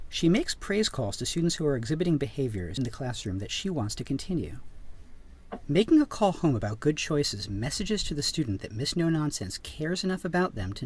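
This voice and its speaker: A man with a medium-pitched, slightly breathy voice narrates a teacher training video. He reads a scripted explainer in a playful, storytelling manner, stressing words emphatically.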